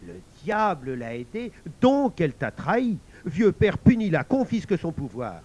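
A man's voice: high-pitched, very animated, a little slow, muffled recording, exaggerated voice. A man reading a tale aloud, voicing a brutish husband who blusters, roars and complains. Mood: pleading. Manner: loud, blustering, pleading.

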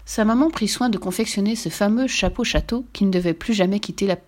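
A woman narrating a children's story aloud with expressive, playful delivery. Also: mid-range voice, brisk.

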